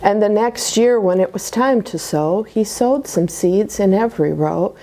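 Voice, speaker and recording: This medium-pitched woman's voice comes through a rough recording as she reads a rhyming kids' book at church story time. She keeps a measured pace, full of expression, and lowers to theatrical whispers for effect.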